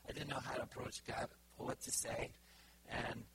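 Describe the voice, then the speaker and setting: A middle-aged Bulgarian preacher gives a loose, informal sermon to his church in Bulgarian-accented English, halting often with fillers and restarts. His mid-range voice is flat in delivery and a little bright. The live recording has a clear layer of background noise.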